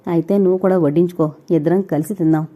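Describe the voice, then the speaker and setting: A woman's voice: lowish voice, steady tone, quick pace, dark tone, close to an everyday voice. Troubled young man, read by a woman. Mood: tender. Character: troubled young man, gruff then tender. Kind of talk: audiobook character reading.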